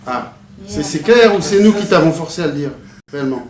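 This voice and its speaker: A man's voice: fairly high pitch, animated, brisk, crowd noise. A man leading a group discussion, pressing the others with probing questions. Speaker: discussion moderator. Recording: echoey room with faint noise.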